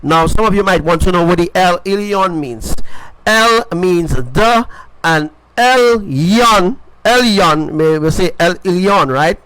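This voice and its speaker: A man's voice: high voice, slow, a bit bright, smooth, no room sound, poor audio. A man preaching an informal sermon, emphatic and repetitive, often checking in with his listeners. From Caribbean.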